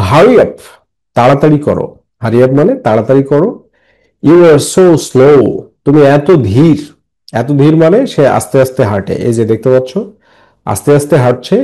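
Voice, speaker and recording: A man's voice: medium pitch, warm tone, poor audio. A man teaching an English lesson to young students, reading a story line by line and translating and repeating each phrase patiently. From Bangladesh.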